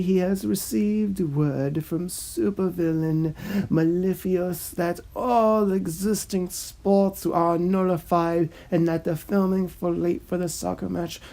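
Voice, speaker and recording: A creaky, dark, medium-pitched voice moves slowly through the script of a film pitch that was cancelled. As narrator and host, the speaker sounds formal and pompous, droning on at length.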